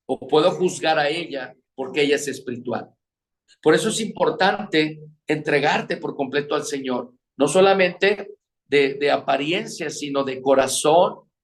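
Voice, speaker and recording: A man preaching a sermon on marriage, asking his listeners questions. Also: on the high side. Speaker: pastor teaching on marriage.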